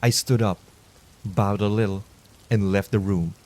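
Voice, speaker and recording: Low-voiced man narrating sleep-time horror. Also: steady tone, darkish tone. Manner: measured, low-key. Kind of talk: calm scripted sleep-story narration.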